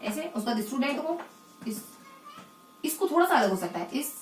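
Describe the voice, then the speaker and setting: A woman teaching English phonetics in a lesson, asking the class questions and answering them herself, and repeating key words slowly. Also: high voice, very animated, echoey room, distant mic, slight background noise. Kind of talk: explanatory lesson in Hindi.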